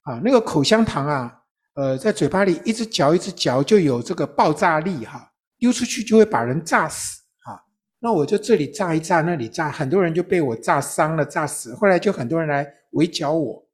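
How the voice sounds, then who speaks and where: A man, a pastor, telling a personal testimony in an interview, with a storytelling manner and frequent soft tag particles at the ends of his phrases. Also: a little high, animated, a little fast, slightly rough.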